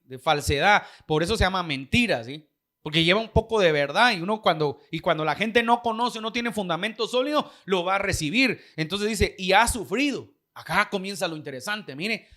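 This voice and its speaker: High-pitched, bright-voiced preaching man. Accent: Guatemalan Spanish. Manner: preaching with questions to the congregation. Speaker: pastor. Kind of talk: sermon.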